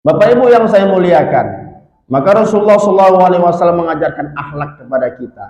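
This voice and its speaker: A male preacher telling a story in a sermon, lively and constantly addressing the congregation. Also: high-pitched, fast, dull audio. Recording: echoey hall.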